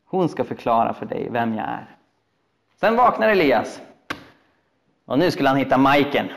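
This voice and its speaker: A man gives a sermon in a slightly raised voice, telling stories with lively, expressive delivery. He shifts between calm narration and vivid retellings. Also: fairly high pitch. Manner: animated, expressive storytelling with voiced quotes. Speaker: preacher. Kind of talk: sermon storytelling.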